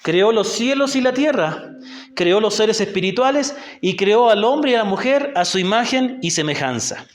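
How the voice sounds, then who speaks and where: Reverberant audio captures a Chilean missionary teacher's high, expressive voice at a moderate pace. He's leading a Bible class in a church hall in a rural community. Patient with his listeners, he keeps asking questions and checking in with "ya?".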